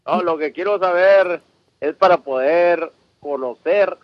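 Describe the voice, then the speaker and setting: A male caller puts his question to a radio pastor, hesitating and searching for words. He talks slowly in a fairly high voice, and the phone line sounds muffled and dull. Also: no echo.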